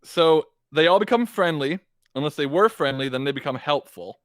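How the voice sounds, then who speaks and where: A man playing a tabletop game, explaining his moves casually and haltingly as he thinks aloud. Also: on the high side, lively intonation, no echo, clean studio sound.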